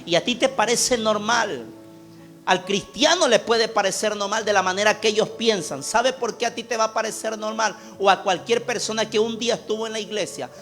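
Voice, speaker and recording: A man preaching a sermon as pastor in a church, impassioned, swinging from loud calls to hushed appeals. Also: high voice, fairly quick, faint music behind.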